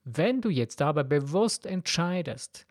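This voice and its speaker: A man's voice: fairly high pitch, sing-song, measured pace, no echo, studio quality. A man hosting a podcast, talking straight at the listener in a blunt, preachy motivational monologue. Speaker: podcast host.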